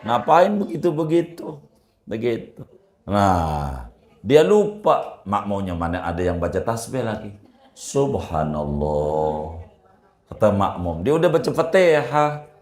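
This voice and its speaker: A male Islamic preacher, giving a folksy religious lesson full of jokes and loud rhetorical questions. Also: fairly low pitch, big pitch swings, measured pace. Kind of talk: religious study lecture. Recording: roomy echo.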